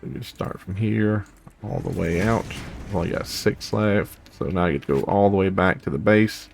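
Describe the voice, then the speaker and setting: A man's voice: deep voice, normal speed, gravelly, a little mellow, faint music behind. A young man casually chatting and rambling while playing a video game, humming to himself between thoughts. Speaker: gaming video host. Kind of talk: casual let's play commentary.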